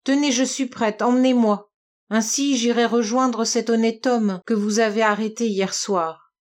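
A woman's voice: a little high, steady tone, measured pace, close to an everyday voice. A woman reading an audiobook, voicing a theatrical, grieving young woman who pleads dramatically. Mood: impassioned.

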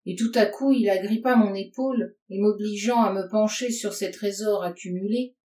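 Une femme lit à voix haute un récit littéraire à la première personne, d'un ton posé et expressif. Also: female voice, medium pitch, moderate pace, dark tone. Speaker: audiobook reader. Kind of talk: literary narration read aloud. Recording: roomy sound from a distance.

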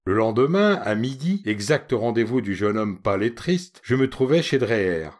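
A man reading a literary short story aloud with an expressive, ironic manner. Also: mid-range voice, moderate pace. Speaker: narrator.

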